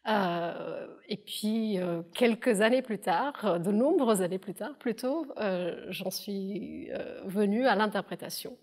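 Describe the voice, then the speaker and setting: A woman in her thirties from southern India, giving a thoughtful testimonial interview with many pauses and hesitations. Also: medium pitch, a little mellow. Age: 30s. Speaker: interpreter and alumna.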